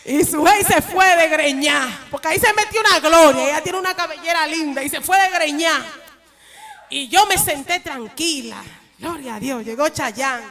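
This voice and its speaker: A woman with a Dominican Spanish accent giving an animated church testimony, acting out the people in her story and often laughing. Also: sits high, a little slow.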